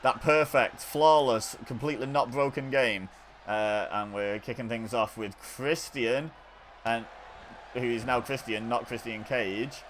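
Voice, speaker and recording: A man calling wrestling video game action play-by-play in a chatty, excitable way, often correcting himself. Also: medium pitch, measured pace, slight background noise. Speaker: gaming video host. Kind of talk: play-by-play commentary over video game footage.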